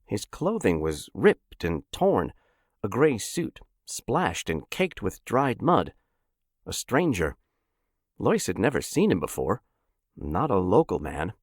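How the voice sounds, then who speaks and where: A male narrator with a low, gravelly voice reads a story dramatically, his pitch leaping through a very wide range. The sound is close and completely dry. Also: huge pitch swings, slow pace, dry recording. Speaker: narrator and host.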